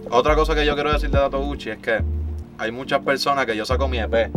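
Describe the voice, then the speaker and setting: A rapid-fire man, talking shop as an interview guest. His speech races along, animated and packed with slang, at a middling pitch. Music plays clearly behind him. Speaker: guest artist and producer. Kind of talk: casual interview chat.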